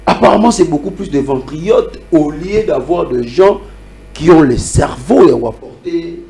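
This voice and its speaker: A Congolese man with a Congolese accent and a fairly high, animated, warm voice talks a little slowly, with some vocal fry. Taking part in a lively debate, he teases as he mixes French with Lingala.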